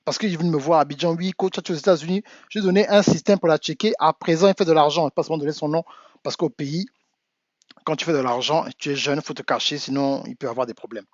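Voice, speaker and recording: Recorded dry with the highs cut off, this fairly high-pitched, quick-paced voice belongs to an African man working as a business coach. Speaking from home in the United States, he addresses his audience insistently, rising to emphatic urging.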